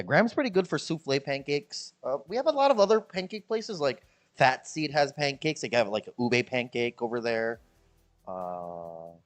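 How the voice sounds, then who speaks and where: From the Philippines, a Chicago man with a Midwestern American accent talks casually and playfully to his stream viewers. He tends to ramble and repeat things, and he does high-voiced impressions of people.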